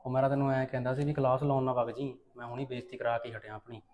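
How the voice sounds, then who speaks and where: A man's voice: mid-range voice, level tone, rapid-fire, a little mellow, lightly acted. A young man in a short film playing a chatty college classmate grumbling about a strict teacher. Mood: casual, grumbling. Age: young adult.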